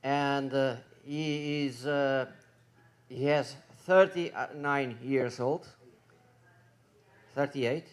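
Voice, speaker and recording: Man moderating a session, slow and halting english, lots of uhs, mid voice. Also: mid-range voice, fairly even intonation. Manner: halting, many fillers, self-correcting. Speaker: conference moderator. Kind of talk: introducing a speaker.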